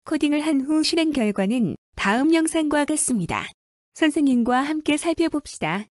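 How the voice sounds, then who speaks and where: A woman teacher giving a clear, scripted coding lesson narration. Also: sits high, normal speed, dry recording, studio quality. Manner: clear, even, instructive.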